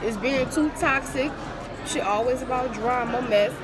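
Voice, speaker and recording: A woman's voice: high voice, moderate pace, over loud music. A young woman, talking bluntly while chewing food in a casual vlog. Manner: blunt and emphatic, swears freely. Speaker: vlogger. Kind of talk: casual storytime while eating. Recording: loud crowd and noise behind.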